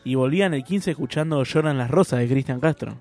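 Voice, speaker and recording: A man with a Rioplatense Spanish accent co-hosting a radio show, telling stories in animated street slang. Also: mid-range voice, fast talker, soft background music. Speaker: radio co-host. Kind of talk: casual radio banter.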